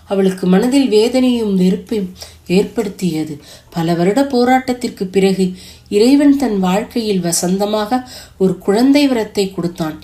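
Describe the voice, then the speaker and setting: A woman reading a romance novel aloud as an audiobook, in steady storytelling narration. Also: mid-range voice.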